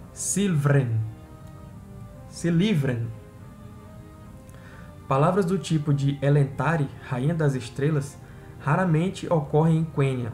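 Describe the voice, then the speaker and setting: A man's voice: a little high, darkish tone. Man reading pronunciation rules aloud. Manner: reads passages slowly, then adds casual asides. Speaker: podcast host.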